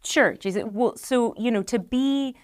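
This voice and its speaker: A woman's voice: a little high, measured pace, no echo. A middle-aged woman answering questions as a guest in a studio interview, earnest and full of fillers and restarts. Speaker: marketing director guest. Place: podcast studio set.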